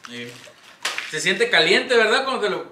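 A man's voice: sits high, sing-song, moderate pace, bright, forceful tone, roomy sound, a little hiss or hum. A man with a Mexican accent chatting casually about the food he is tasting, speaking with his tongue sticking out. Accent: Mexican Spanish. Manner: chatty, describes the food as he tastes it. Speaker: host.

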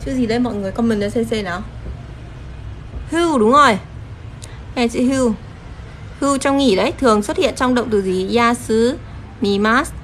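A woman's voice: a little high, normal speed, long pauses, slight background noise. Woman teacher, patient, rhetorical questions. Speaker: Japanese teacher. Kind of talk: live-streamed kanji lesson.

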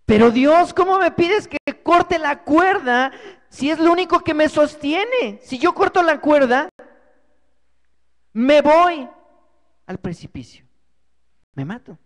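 A man's voice: high-pitched, very animated, normal speed, long pauses, warm tone, husky, long reverb tail, full character voice. A man voicing a desperate, freezing male mountain climber who begs in a raised, strained voice. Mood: desperate pleading.

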